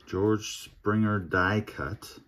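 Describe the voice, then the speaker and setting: At his home table, beside a display of his card collection, a collector opens packs and talks slowly in a deep, low voice. In relaxed, unhurried, casual commentary, he half-mutters each pull as if to himself, murmuring player names one by one.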